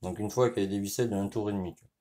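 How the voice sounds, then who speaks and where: A motorcycle mechanic with a French accent talks in a lowish, steady, mellow voice during a hands-on repair tutorial. He keeps it informal and addresses the viewer directly, often using "tu vois." He explains as he goes, pausing and restarting now and then.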